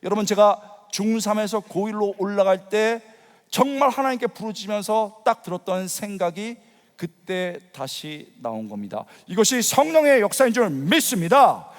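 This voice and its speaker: Brief: middle-aged male pastor, high and very expressive voice, big church reverb. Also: moderate pace. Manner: animated storytelling, acting out his younger self with sudden loud outbursts. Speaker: pastor preaching at a youth worship rally. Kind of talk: sermon. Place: large church sanctuary. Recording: long hall reverb.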